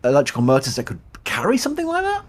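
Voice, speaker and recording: A Yorkshire-accented man hosts a casual live commentary stream, chatting, laughing often, reading viewer questions, thanking supporters and restarting his sentences a lot. His voice is on the high side, racing along with wildly swooping pitch.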